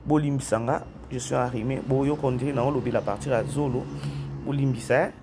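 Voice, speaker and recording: Talking a little fast over a noisy background, this vlogger has a head cold as he delivers chatty commentary in a blend of French and Lingala. His mid-range voice holds fairly even intonation, and he repeats phrases while speaking straight to his audience as a YouTube host.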